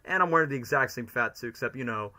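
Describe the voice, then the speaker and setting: A man's voice: medium pitch, animated, fast talker, sharp tone, slight background noise. A man giving casual, chatty reaction commentary as a streamer. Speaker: streamer, cosplayer.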